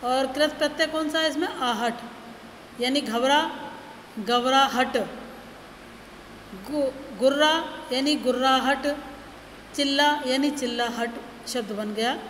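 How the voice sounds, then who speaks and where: A high-voiced woman teacher talks slowly through a grammar lesson, reading out each word with care. Her voice rings around an echoey room with a long reverb tail, over faint background noise. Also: fairly bright tone. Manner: slow, deliberate, lists words one by one. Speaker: school teacher.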